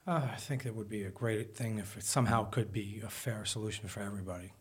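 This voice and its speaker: A man's voice: lowish voice, fairly even intonation, fast talker, breathy edge. A man hosting an interview podcast, asking questions in a hesitant way, searching for words. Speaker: podcast host. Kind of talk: casual interview.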